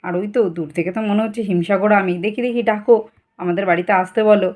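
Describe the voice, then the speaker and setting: Woman doing a chatty mom bargaining for mangoes in a cartoon, talks real fast. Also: medium pitch, darkish tone, lightly acted. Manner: quick, coaxing and chatty. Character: eager village mother, the father's wife.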